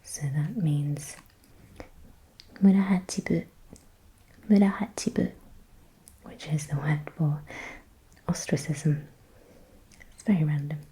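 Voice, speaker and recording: A woman whispering softly in ASMR style, slowly repeating words and thinking aloud as she guesses. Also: sits low, fairly even intonation, breathy edge, low-quality recording. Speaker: ASMR creator.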